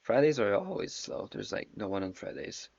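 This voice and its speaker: Low gravelly young man streaming. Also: sing-song, moderate pace, lo-fi sound, crowd noise. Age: 20s. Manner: profane, joking banter. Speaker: trading livestream host. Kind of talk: casual stream chat.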